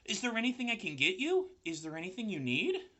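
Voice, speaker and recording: A man's voice: sits high, very animated, a little fast, bright, forceful tone, voice pushed up, exaggerated voice. A man voicing an anxious, earnest, kind-hearted young pig while reading a children's story aloud. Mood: eager. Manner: pleading, earnest.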